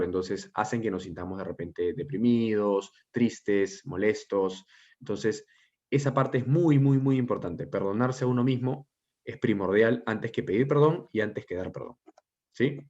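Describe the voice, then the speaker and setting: A man teacher giving an online class lecture, explaining step by step and often checking in with a quick question. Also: lowish voice, a little mellow. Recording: dull lo-fi audio.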